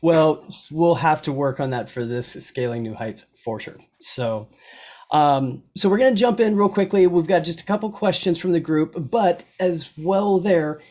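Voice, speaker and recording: A man's voice: a little high, normal speed, darkish tone. Chatty joking man hosting a live Q&A. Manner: joking, chatty, laughs often. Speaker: co-host. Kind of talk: casual live Q&A chat.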